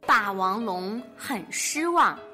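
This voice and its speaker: Lively, unhurried woman storyteller. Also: medium pitch, slightly rough, faint music behind. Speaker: story narrator. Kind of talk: picture-book storytelling for children.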